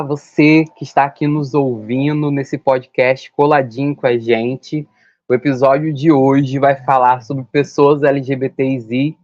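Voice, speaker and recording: A man's voice: medium pitch, darkish tone, no room sound. A young man from Rio de state, hosting a podcast in a chatty, rambling way, often correcting himself. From Rio de Janeiro state, Brazil. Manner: chatty, rambling, with self-corrections and long lists. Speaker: podcast host. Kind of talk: casual podcast chat. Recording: dull lo-fi sound, dry.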